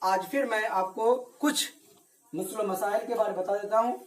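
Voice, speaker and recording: Giving kids an Arabic reading lesson, this religious teacher speaks in a high-pitched voice with fairly even intonation. He patiently drills them slowly and repetitively, posing questions and then supplying the answers himself.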